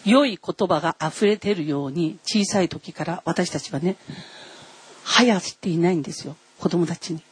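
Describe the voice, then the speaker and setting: A woman's voice: lowish voice, normal speed, husky. A woman giving a sermon in a conversational, explaining way, addressing the congregation directly with frequent tag words. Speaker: preacher.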